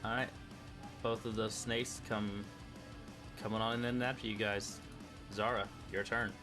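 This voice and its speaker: A man acting as game master, calling rolls and describing the fight in a relaxed way. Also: on the low side, a little slow. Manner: relaxed, counting out movement and rulings. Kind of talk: running a tabletop game. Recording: music playing behind.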